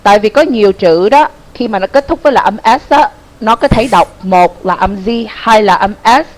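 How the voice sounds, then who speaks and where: A woman's voice: mid-range voice, a bit bright, low-quality recording. A young woman teaching pronunciation in an online class. She is patient, repeats her points and keeps checking that students understand.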